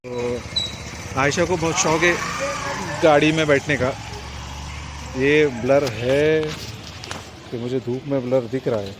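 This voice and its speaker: A young father with a western Uttar Pradesh Hindi-Urdu accent, filming a casual vlog and gently, playfully coaxing his small child. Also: mid-range voice, takes it slowly, long pauses. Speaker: vlogger and father. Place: outdoors by a street market. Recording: outdoor phone recording with loud street noise.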